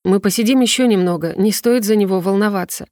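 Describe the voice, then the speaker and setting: A kind young prince who talks gently and reassures, read by a woman narrator. The reading stays close to her own mid-pitched voice. The sound is dry, with no room around it. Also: fast, no room sound, natural voice. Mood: gentle.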